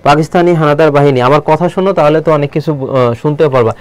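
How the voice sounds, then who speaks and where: A man teaching a live online Bangla lesson, keeps asking the viewers questions and slows down to read poem lines aloud. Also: on the high side, clear, resonant tone, no echo. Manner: quizzing viewers with repeated questions.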